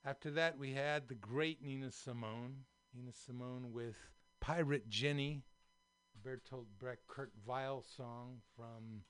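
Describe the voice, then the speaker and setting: A man in his seventies from San Francisco hosting a community radio talk show, slow and thoughtful with many fillers, in a radio studio. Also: mid-range voice, fairly even intonation, clear, resonant tone, dry recording. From San Francisco, USA. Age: 70s. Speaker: radio host.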